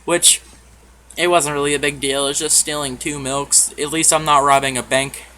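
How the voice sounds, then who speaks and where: A man telling a story in a casual vlog, offhand and full of swearing, often clearing his throat. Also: a little high, flat delivery, normal speed, pushed and bright, a little hiss or hum. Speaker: YouTuber.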